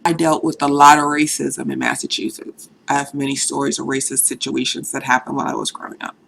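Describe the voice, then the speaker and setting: In poor audio with slight hiss or hum, a Boston woman in her thirties speaks fast in a bass, gravelly, somewhat bright voice with little pitch movement. She vlogs casually and candidly to camera, saying "you know" often, her light Boston accent showing occasionally.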